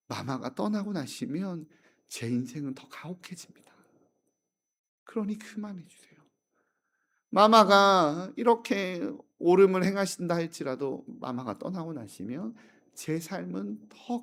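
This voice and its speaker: A frightened servant girl, played by a male preacher begs for mercy. Her voice rises high and thin, pleading without pause. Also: a bit bright, a little hiss or hum. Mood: desperate. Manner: pleading, begging.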